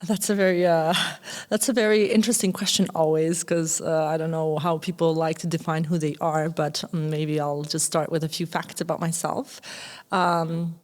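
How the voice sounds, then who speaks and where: A woman in her thirties with an Albanian accent and a notably low voice. As a podcast guest she talks about her life in a reflective way. She pauses often and searches for words. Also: little pitch movement, a little mellow. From Kosovo. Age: 30s. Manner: thoughtful, hesitant with many fillers. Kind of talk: reflective interview talk.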